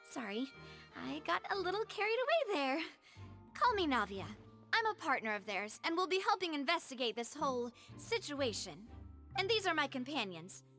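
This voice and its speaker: A woman's voice: high-pitched, sing-song, moderate pace, bright, forceful tone, soft background music, heavily acted. A woman voicing a confident, playful young woman leader in a video game. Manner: playful, bold. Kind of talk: game voice acting.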